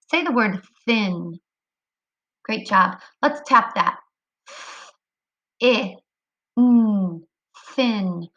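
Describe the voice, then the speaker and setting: A woman teaching a kindergarten phonics lesson online, speaking clearly and encouragingly to young children. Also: fairly high pitch, fairly bright tone, dull audio.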